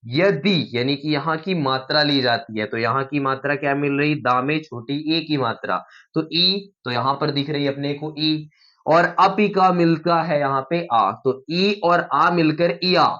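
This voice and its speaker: A man teaching a grammar lesson in a fairly high voice, sounding out each vowel slowly and patiently. The recording is muffled and lo-fi. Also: fairly bright tone. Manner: repeats sounds aloud, slows down to spell out examples. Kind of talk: explaining a lesson at a board.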